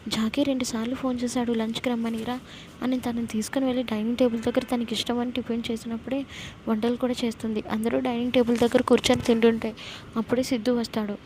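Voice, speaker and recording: A woman's voice: a little high, flat delivery, quick pace, warm tone, a little hiss or hum, rough recording. A woman narrating a romantic family story, reading the dialogue of every character in her own voice.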